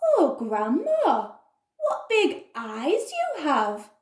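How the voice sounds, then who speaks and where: A woman's voice: high voice, wildly swooping pitch, extremely slow, roomy sound, pitched above the performer's own voice, exaggerated voice. A woman playing a sweet, innocent little girl in a bedtime story, childlike and wide-eyed, given to exclaiming. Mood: wondering.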